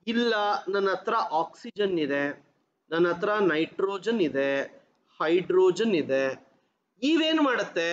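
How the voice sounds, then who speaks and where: A man's voice: high-pitched, highs cut off. A man teaching a geography lesson to exam students, mixing in English terms and asking questions that he answers himself. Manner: mixes English terms into his talk.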